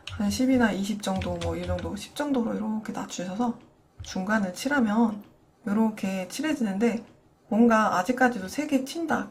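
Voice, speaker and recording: A young adult woman teaching digital coloring in a screen-recorded tutorial. She speaks patiently and explains each step directly to her viewers. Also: mid-range voice. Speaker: digital painting instructor.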